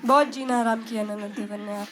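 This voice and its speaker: A woman's voice: on the high side, steady tone, fairly quick. A young woman performing a stand-up comedy set on stage, brash and conversational, dropping English phrases into her talk. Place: stage before a live audience. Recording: loud background noise.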